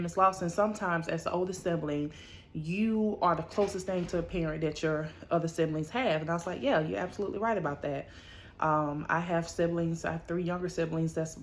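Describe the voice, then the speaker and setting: A woman in her thirties chatting casually to her viewers, telling a personal story with many fillers and warm praise of God. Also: lowish voice. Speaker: motivational vlogger.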